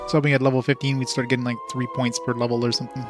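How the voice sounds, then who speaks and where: A man's voice: mid-range voice, level tone, rapid-fire. A man giving casual, offhand let's-play commentary, thinking aloud and swearing freely as he plays. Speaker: game streamer. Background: game music.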